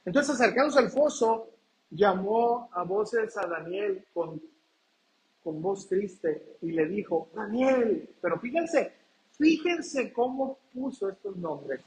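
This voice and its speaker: A man preaching a sermon, asking the congregation questions and reading scripture slowly. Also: sits high, animated, poor audio. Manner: reads scripture aloud slowly and deliberately. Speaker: pastor.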